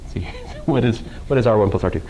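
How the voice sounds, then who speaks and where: A man's voice: lowish voice, a little fast, mellow, a little hiss or hum, rough recording. A man teaching a college calculus class in a casual lecture style, with dry sarcastic humor and questions tossed to the students. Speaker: math professor.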